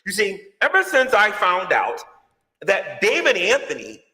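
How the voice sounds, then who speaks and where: Man, cave-like echo, long hall reverb, high animated voice, dramatic call-outs. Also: measured pace. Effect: heavy cave-like echo. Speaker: YouTuber. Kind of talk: ranting video commentary. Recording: echoey reverb-heavy video clip.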